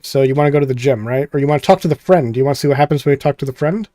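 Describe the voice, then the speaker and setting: Talking very fast in a dark-toned, medium-pitched voice, a man hosts a visual novel session with no room sound. His commentary is casual, rambling, and jokey, and he reads the game text aloud, skimming through it with filler words.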